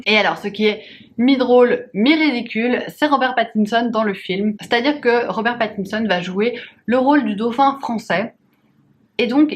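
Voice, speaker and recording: A young woman with a fairly high voice chats to camera about films she watched. She is candid and opinionated, and she speaks casually from her apartment in the city. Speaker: booktuber reviewing films and series. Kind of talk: casual monthly review vlog.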